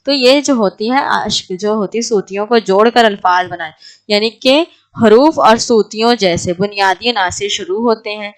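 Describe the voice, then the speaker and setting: A woman teaching an exam prep lecture, asking her class questions and then answering them herself. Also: mid-range voice.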